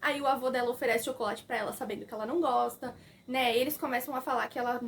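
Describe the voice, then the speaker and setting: A young woman with a Brazilian Portuguese accent gives a casual, lively recap of a film and acts out the characters' lines. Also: fairly high pitch, quick pace, slight background noise. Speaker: film reviewer.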